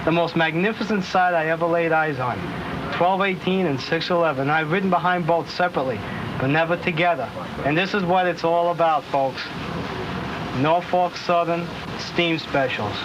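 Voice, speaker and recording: A man excitedly telling of the day's excursion in a folksy manner, recorded outdoors by a rail line. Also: a little high, moderate pace. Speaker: excursion rider. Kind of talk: enthusiastic interview remark. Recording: outdoor camera audio with clear noise.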